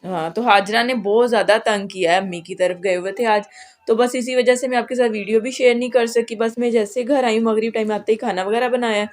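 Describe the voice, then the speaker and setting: A mother filming a casual home vlog, her voice sitting a little on the high side. She talks in a chatty, easygoing way, speaking straight to her viewers. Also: fairly even intonation, brisk. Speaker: vlogger and mother.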